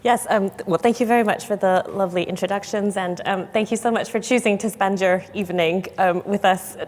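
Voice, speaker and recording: A woman's voice: medium pitch, fairly even intonation, fairly quick, darkish tone. A woman born in Hong Kong, a public historian on a panel, speaking thoughtfully with many fillers. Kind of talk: panel seminar remarks. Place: large church hall. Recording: long hall reverb.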